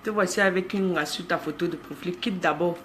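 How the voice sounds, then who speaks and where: A woman's voice: on the low side, fairly quick, a bit bright, a little hiss or hum. A woman in her thirties with a Cameroonian accent, chatting casually on a live stream, greeting viewers by name and teasing them. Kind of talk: casual live-stream chat reading comments.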